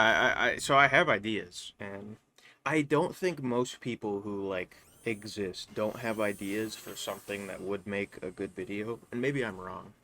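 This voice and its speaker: A young man who hosts a gaming channel gives casual live commentary on gameplay in a lowish, sharp voice. He rambles and halts, restarting often and using many fillers, with faint noise in the background.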